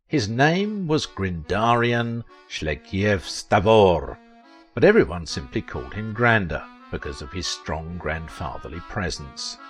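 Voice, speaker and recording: A man narrating a comic short story in a playful, animated way. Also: low voice, a little slow, faint music behind.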